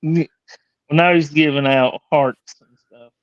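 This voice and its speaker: A man's voice: a little high, steady tone, slow pace, no room sound. A man chatting on a livestream in a laid-back, agreeable way, with loose slangy speech. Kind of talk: casual livestream chat. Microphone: video call. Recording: slightly muffled audio.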